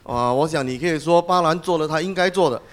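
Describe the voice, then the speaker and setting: Male church interpreter, high-pitched voice, consecutive sermon translation, phrase-by-phrase, slightly hesitant. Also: quick pace.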